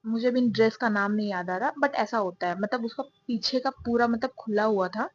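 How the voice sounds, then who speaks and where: A young woman telling a story in a chatty, confiding way, often poking fun at herself. Her voice is a little high. The recording is dull and dry, with no room echo. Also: normal speed. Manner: chatty, self-mocking, confiding.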